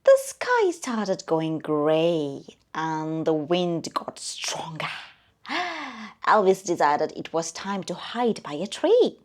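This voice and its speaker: A woman tells a children's story in a slow, drawn-out delivery. Her low voice swings widely in pitch, and she often drops to a whisper. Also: very animated.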